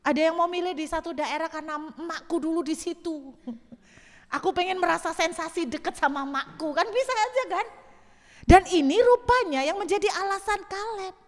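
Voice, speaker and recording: A woman pastor preaching a lively sermon to a church congregation, slipping English phrases into her talk. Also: very high voice, normal speed. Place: church hall. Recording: long church-hall reverb.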